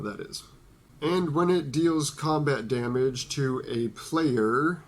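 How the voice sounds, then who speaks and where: Young male host, blocked nose, breezy playful card-review delivery, middle-pitched. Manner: playful, jokey asides to an imagined listener. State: stuffy nose from allergies. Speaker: Magic card video host. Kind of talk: casual card review talk.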